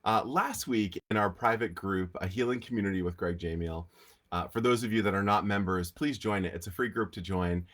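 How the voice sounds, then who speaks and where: A man with a slightly low voice hosts a casual weekly livestream talk on healing. Allergies leave him congested and nasal. He chats in a relaxed, easygoing way. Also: a little fast. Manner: relaxed, chatty, with frequent fillers.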